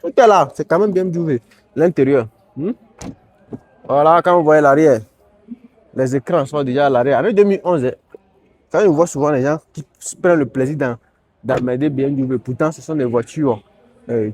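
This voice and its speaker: A man's voice: a little high, darkish tone. A man giving casual, rambling commentary while walking around an outdoor used car auction lot, filming on a handheld phone. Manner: chatty and rambling, sprinkled with tags and asides.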